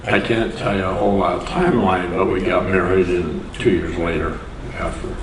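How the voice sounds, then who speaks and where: Heard from a distance in an echoey, noisy community hall with crowd sounds, an older Door County, Wisconsin man tells stories as an interview guest. He speaks plainly and unhurriedly, laughing at his own anecdotes, in a deep voice with fairly even intonation at normal speed.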